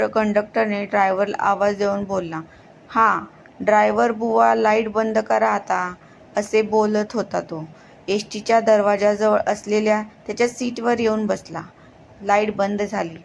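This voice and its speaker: A woman's voice: mid-range voice, gravelly, slight background noise. A woman narrating a horror story, reading steadily, often tripping and restarting her words. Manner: reads steadily with frequent slips and restarts.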